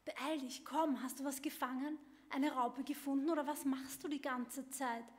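A woman's voice: high-pitched, steady tone, moderate pace, close to an everyday voice. A woman voicing an overworked, fretful mother bird who scolds and frets, at a literary reading. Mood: exasperated. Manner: scolding, exasperated. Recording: long hall reverb.

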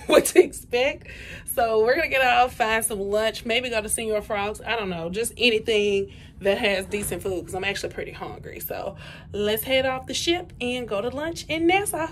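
A woman's voice: on the high side, animated, moderate pace, slight background noise. A woman in her thirties, a travel vlogger, chatting candidly to viewers with a phone held at arm's length on a cruise ship. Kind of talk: casual vlog with voice-over. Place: on a cruise ship, cabin and open deck.

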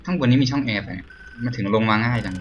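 A man doing casual, crude horror game commentary who yelps and shouts when startled. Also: mid-range voice, very fast, lo-fi sound, a little hiss or hum. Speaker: gamer. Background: game music.

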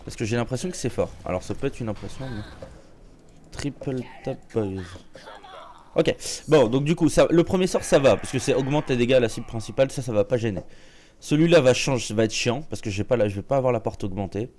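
A man giving casual live commentary on his own gameplay, joking and chatty, with a slightly sore throat that makes him clear it now and then. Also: mid-range voice, lively intonation, quick pace, darkish tone, a little hiss or hum. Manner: joking, chatty, many restarts and fillers. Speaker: game streamer.

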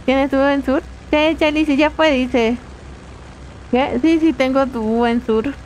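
High-voiced chatty woman streamer. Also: steady tone, a little slow, a little mellow, a little hiss or hum. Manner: chatty, reads chat aloud, laughs often. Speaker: game streamer. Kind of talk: casual live-stream chat.

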